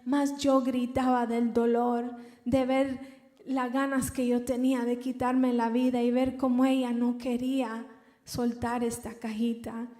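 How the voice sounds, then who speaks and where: A young woman giving an emotional personal testimony in church, halting and repeating words as she recounts. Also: a little high, level tone, dark tone. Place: large church hall. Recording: reverberant church hall.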